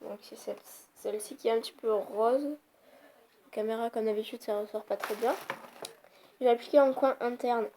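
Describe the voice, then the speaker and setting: Young female beauty vlogger, casual and easily irritated, light raised pitch. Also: steady tone, moderate pace. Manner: chatty, rambling, easily annoyed. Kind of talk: casual makeup tutorial. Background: faint noise of passing cars.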